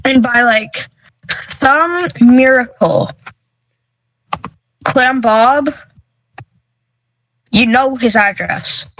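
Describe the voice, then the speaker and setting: A woman's voice: on the high side, extremely slow, long pauses, fairly bright tone, a little hiss or hum, poor audio. A woman narrating a tabletop game as game master, patiently describing scenes.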